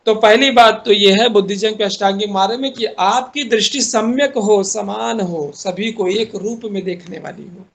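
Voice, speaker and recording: High-voiced Indian man lecturing. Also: normal speed, vocal fry, hardly any pauses, a bit bright. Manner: explains step by step, asks the class questions. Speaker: university lecturer. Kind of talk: classroom lecture.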